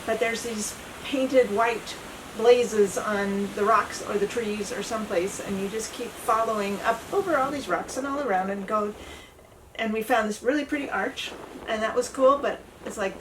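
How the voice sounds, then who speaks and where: A woman with a somewhat high voice recounts a hike in a chatty, relaxed way. She sits back from the mic, and faint ambient noise hums behind her. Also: moderate pace, recorded from a distance. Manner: chatty, plain storytelling. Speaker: travel vlogger. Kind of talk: casual chat.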